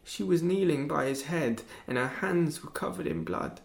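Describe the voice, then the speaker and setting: A young man playing a bitter teenage boy accused of killing his father, talking in a sullen, cold and detached way that flares into shouts. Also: on the high side, expressive, normal speed, creaky. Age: young adult. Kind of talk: stage drama acting.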